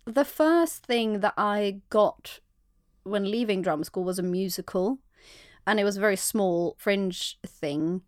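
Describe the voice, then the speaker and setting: A woman's voice: mid-range voice, unhurried, no room sound, studio quality. A young woman, an actor and singer, talking candidly as a podcast guest, telling her story with many restarts. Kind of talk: casual podcast interview.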